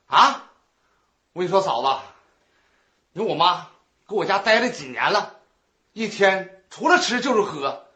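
A man's voice: high voice, sing-song, a little slow, long pauses, pushed and bright, heavily acted. A man playing a stubborn, crude younger brother-in-law with a Northeastern Mandarin accent, taunting and quarrelsome. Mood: defiant. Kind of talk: comic stage folk opera dialogue. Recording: echoey stage sound.

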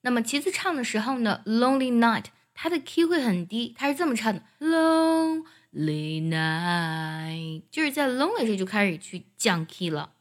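A woman teaching an English song, explaining each line and singing it slowly as a demonstration. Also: on the high side, animated. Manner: explains pronunciation, then sings demo phrases.

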